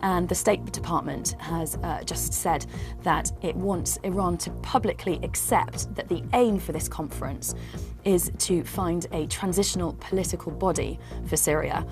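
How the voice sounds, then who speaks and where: A woman's voice: on the low side, normal speed. A woman news correspondent reporting in an informed way, with occasional hesitations. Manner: informed, slightly hesitant with fillers. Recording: music underneath.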